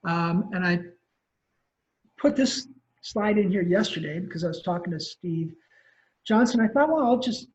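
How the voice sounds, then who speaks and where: A man's voice: sits high, a little slow, pauses often, a little hiss or hum. A man, a wildlife ecology professor, giving a casual lecture full of ums and self-corrections. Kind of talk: conversational lecture. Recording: muffled lo-fi webinar audio.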